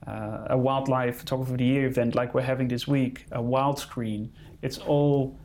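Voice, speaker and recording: A conservation photographer, a man who isn't a native English speaker, answers interview questions in careful English, sometimes searching for words. His mid-range voice is a little mellow, with fairly even intonation and a moderate pace, and there's a slight hiss or hum on the recording.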